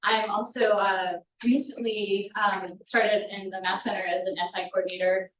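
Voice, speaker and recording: A woman's voice: medium pitch, fairly even intonation, moderate pace, a bit bright. A woman faculty member introducing herself at a meeting, a little hesitant. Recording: echoey room from far off, faint hiss.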